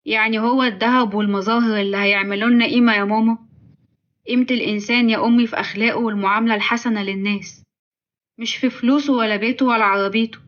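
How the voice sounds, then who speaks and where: A woman voicing a gentle, weary grown son pleading with his mother, with an Egyptian accent. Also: on the high side, fairly even intonation, rapid-fire, dull audio, lightly acted. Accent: Egyptian Arabic.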